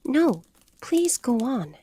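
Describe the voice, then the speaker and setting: A woman's voice: fairly high pitch, sing-song, a little slow, darkish tone, voice pushed up. A woman voicing a polite, earnest young girl in a storybook reading. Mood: polite curious. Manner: humble, earnest.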